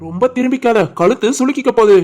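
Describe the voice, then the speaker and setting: A woman voicing a young husband and shopkeeper, teasing but caring, with a Tirunelveli Tamil accent in an animated family story. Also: on the high side, rapid-fire, over music, natural voice. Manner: teasing banter, turns soft and worried.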